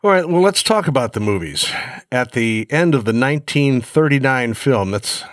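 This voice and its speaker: Man, host, mid-range voice, dry studio sound, measured. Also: medium pitch, sing-song, no room sound. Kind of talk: radio interview questions.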